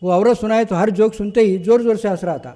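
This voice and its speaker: A man's voice: sits high, quick pace, mellow, big-room sound. A man telling stand-up jokes and stories, full of repeats and fillers. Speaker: mimicry and joke performer.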